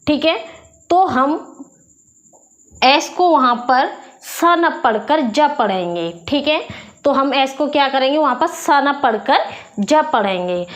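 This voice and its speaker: A woman's voice: high voice, lively intonation, slow pace. A woman teaching English pronunciation with a Hindi accent, patiently explaining rules and repeating questions to the class.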